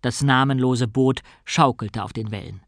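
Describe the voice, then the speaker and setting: A man reading an audiobook as narrator, in a calm, measured way. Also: mid-range voice, no room sound, studio quality. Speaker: audiobook reader. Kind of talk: scripted narration.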